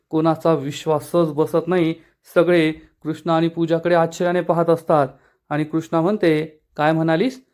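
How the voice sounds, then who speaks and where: A man's voice: on the high side, darkish tone. A man narrating a dramatic episode recap of a TV serial, retelling the scenes as a story. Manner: dramatic storytelling, quoting characters.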